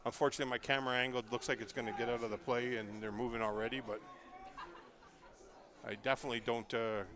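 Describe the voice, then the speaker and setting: A man's voice: mid-range voice, little pitch movement, quick pace, crowd noise. A man giving live color commentary from a stadium booth, opinionated and loose, with lots of fillers. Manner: chatty, opinionated, full of fillers. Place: press booth at an outdoor stadium.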